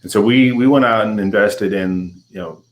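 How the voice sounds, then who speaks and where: A low-pitched man speaks as a guest in a casual business interview. He explains at length in a relaxed way, filling pauses with "um" and "you know". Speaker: guest, company CEO.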